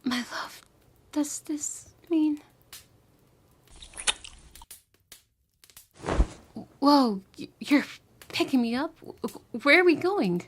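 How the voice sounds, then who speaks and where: Playing the lovesick, obsessive former bully back from the future, the woman comes across surprised and flustered in a high, animated voice. The intimate ASMR roleplay is delivered tenderly, emotionally and haltingly, breathy and often whispered, with slight background noise.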